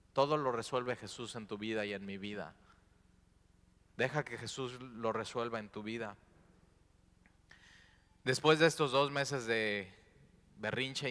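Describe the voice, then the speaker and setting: A male pastor preaches with a bright, forceful voice that carries through a long hall reverb. He drops to hushed, prayerful tones, then surges into loud exclamations. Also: medium pitch. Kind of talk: sermon. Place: church sanctuary.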